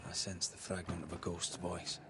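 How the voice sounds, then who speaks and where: A man playing a calm, discreet ghost hunter in a video game, speaking in a terse, steady way. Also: deep voice, moderate pace, very noisy, lightly acted. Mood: focused.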